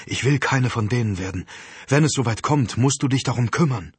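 A man voicing a tough, commanding young woman fighter, pitching his voice up for her. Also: moderate pace, breathy edge, no echo. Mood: tense, serious. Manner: raised, urgent shouting in a pitched-up voice.

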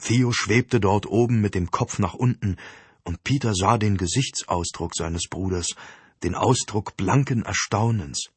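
A man reading an audiobook in a steady, measured storytelling voice. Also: fairly low pitch, breathy edge, dry recording. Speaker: audiobook narrator. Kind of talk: scripted audiobook narration.

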